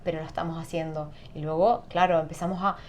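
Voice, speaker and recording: A woman guest on an interview, explaining calmly and often adding tag questions. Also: sits low, fast talker, slight background noise. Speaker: sound therapist guest. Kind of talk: conversational interview.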